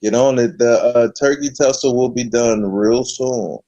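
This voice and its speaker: Male host, casual slangy chat, middle pitch, dry and muffled audio. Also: steady tone, mellow, dry recording. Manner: laid-back slangy, drawn-out hype. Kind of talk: casual late-night chat.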